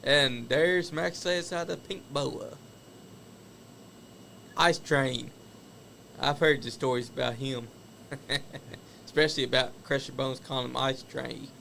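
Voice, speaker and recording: A man's voice: mid-range voice, steady tone, measured pace, creaky, long pauses, pushed and bright, a little hiss or hum. A man hosting a casual wrestling talk show, commenting on old match footage in an opinionated, chatty way. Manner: chatty, opinionated, laughs at stories. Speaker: host.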